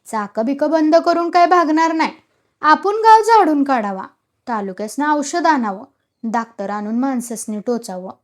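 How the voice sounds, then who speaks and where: Stubborn old village man, loud and argumentative, high voice, as a woman storyteller puts him on. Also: animated, normal speed. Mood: arguing. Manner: loud, quarrelsome.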